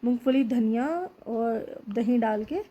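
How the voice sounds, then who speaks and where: A middle-aged woman chatting homely and unhurried while narrating her home cooking vlog in a kitchen. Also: fairly high pitch, mellow, slightly rough, lo-fi sound. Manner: chatty, homely, with filler pauses. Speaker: home cooking channel host.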